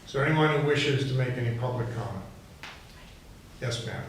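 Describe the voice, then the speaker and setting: Sex: man. Role: presiding officer. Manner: measured, formal. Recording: distant mic, very echoey room, steady background noise. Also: mid-range voice. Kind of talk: chairing a public hearing. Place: township meeting room. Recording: echoey hall from far off with clear noise.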